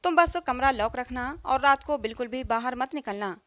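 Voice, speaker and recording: A woman voicing a gentle, evasive young husband. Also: high voice, normal speed, dry recording. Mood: coaxing. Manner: soft, coaxing.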